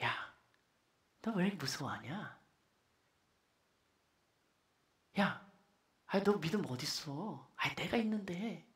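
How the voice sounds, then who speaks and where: A male preacher voicing Jesus as a grown man who gently chides his followers in a folksy, affectionate way. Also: high-pitched, expressive, measured pace, roomy sound, pitched below the performer's own voice. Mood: soft, hushed. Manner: exasperated but affectionate, folksy.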